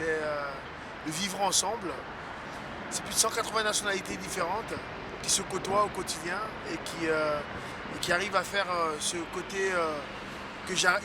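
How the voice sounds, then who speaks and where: A man from West Africa giving a documentary interview, earnest and hesitant with many fillers. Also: high voice. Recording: clear street noise behind.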